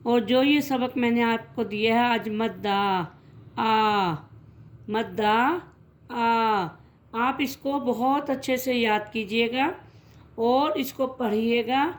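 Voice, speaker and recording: A woman with a fairly high voice teaches young children to read. She stretches each sound out slowly and repeats it, then explains in quicker, gentle sentences as if speaking to her own pupils. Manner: slow drawn-out syllables, then quick explanations; gentle, calls listeners "beta". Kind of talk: children's reading lesson.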